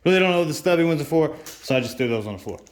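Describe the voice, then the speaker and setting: A man's voice: fairly high pitch, animated, racing, reverberant. A man who is a mechanic talks casually through a motorcycle parts install, half-whispering to himself as he works. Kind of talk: casual how-to while working.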